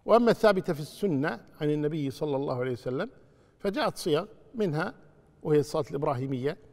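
A man gives a religious question-and-answer lesson, preaching with animation and rising to loud rebukes. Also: a little high, expressive, racing. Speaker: Islamic scholar answering questions. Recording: long hall reverb.

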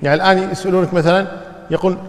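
A man's voice: sits high, steady tone, racing. A male teacher giving a classroom lecture, quizzing his students with questions and repeating key terms. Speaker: teacher of hadith studies. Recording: long hall reverb.

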